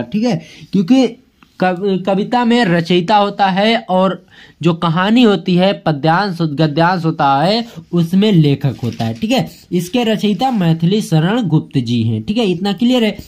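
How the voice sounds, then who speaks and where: Hindi teacher reading verse slowly. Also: mid-range voice, lively intonation, darkish tone. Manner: reads quoted passages and verse slowly and deliberately; friendly, addresses students as friends, often checks in with "okay". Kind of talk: exam-prep lesson, explaining answers.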